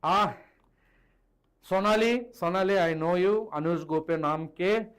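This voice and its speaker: Higher-pitched Indian man teaching. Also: moderate pace, clean tone. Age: middle-aged. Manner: code-switches between English and Hindi, addressing students directly. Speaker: chemistry teacher. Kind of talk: live online lesson, explaining at a board. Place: indoor teaching studio with a digital board. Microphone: clip-on lapel mic.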